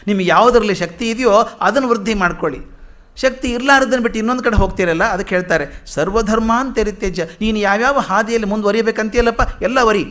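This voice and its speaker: An older man with a fairly high voice gives a spiritual lecture. He chants verses slowly and then unpacks them in easy, conversational speech. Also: pushed and bright. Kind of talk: spiritual discourse.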